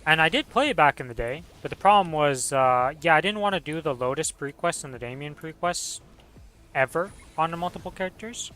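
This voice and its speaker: A man's voice: fairly high pitch, lively intonation, brisk, sharp tone, soft background music. A man in casual, rambling, slangy conversation while gaming as a streamer. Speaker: game streamer.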